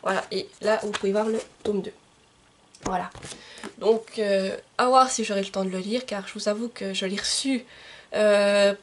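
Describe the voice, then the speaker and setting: A woman's voice: mid-range voice, husky. A woman book vlogger talking casually to the camera, presenting books with many fillers and self-corrections. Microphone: camcorder microphone.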